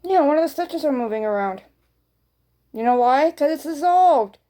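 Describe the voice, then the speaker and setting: High-pitched, mellow-voiced woman vlogger chatting. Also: lively intonation, moderate pace. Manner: rambling, repeats phrases for emphasis. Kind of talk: casual chat to viewers.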